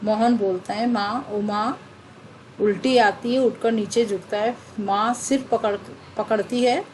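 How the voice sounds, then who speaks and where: A woman teacher reads a textbook play aloud to children and pauses to explain each scene. She speaks slowly and clearly in a fairly high voice. A faint hum sits behind her. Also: steady tone, a little mellow, poor audio. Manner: slow, explanatory, addresses the children directly.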